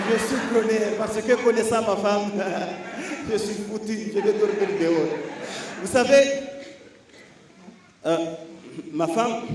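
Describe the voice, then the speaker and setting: A man doing punchy stand-up comedy on a live stage, telling stories animatedly and repeating phrases for emphasis. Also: high-pitched. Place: live stage before an audience. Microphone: stage microphone. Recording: echoey hall, distant mic, audience noise.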